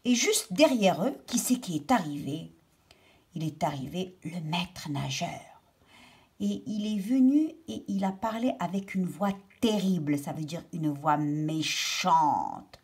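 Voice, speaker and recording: A woman's voice: lowish voice, lively intonation, measured pace, a little mellow, breathy edge. A woman teacher reading a children's story aloud and patiently explaining its words to young pupils.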